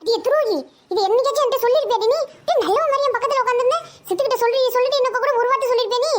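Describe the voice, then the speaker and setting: A woman voicing a quick-tempered young village woman in an animated cartoon, in a squeaky cartoon voice. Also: slight background noise. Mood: indignant.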